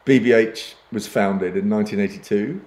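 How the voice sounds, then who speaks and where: A man's voice: on the low side, moderate pace, a little mellow, reverberant. An older man grew up in East Africa and speaks as a podcast guest, self-deprecating and often restarting his sentences. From Uganda and Kenya. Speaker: podcast guest, advertising executive. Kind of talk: conversational interview.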